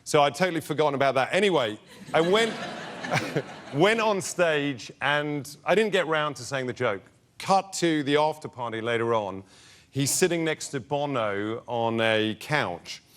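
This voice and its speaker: A man's voice: on the high side, a little slow, a little hiss or hum. An English man, a talk show guest, animatedly telling a comic anecdote and acting out what other people said. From England. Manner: animated storyteller who acts out other people's lines.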